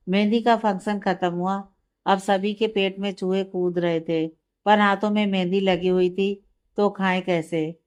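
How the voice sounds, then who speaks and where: Smooth-voiced woman narrating a story. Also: medium pitch, a little mellow.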